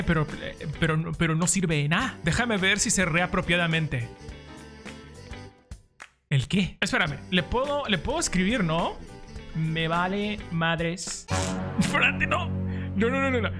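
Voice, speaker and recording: A Mexican man commentating a horror game in his parents' house, joking, swearing and breaking into high yelps. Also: a bit bright. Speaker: gaming youtuber. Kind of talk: let's-play commentary.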